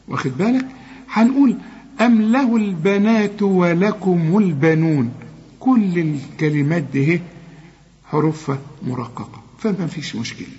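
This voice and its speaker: A man's voice: high-pitched, a little mellow. Egyptian man coaching recitation, lo-fi. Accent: Egyptian Arabic. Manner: patient, corrective, demonstrates sounds slowly. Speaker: Quran recitation teacher. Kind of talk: correcting a student's recitation. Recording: dull lo-fi sound.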